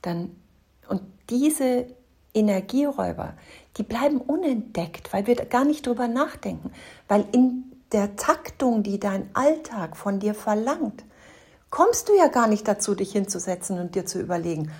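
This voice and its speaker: A woman coach talking straight to the listener, giving advice in an emphatic way and often dropping into breathy half-whispers. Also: medium pitch, animated, measured pace, darkish tone. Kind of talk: direct advice talk to the listener.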